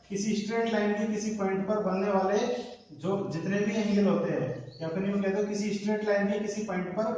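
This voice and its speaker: A man's voice: high voice, darkish tone, slight background noise. A man teaching a maths lesson, often asking the class questions and answering them himself. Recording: echoey room, distant from mic.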